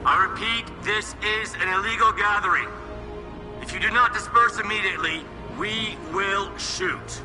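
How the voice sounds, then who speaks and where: A man playing a stern police commander who gives curt, commanding warnings to a crowd through a loudspeaker. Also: high-pitched, normal speed, echoey room, big-room sound, music in the background.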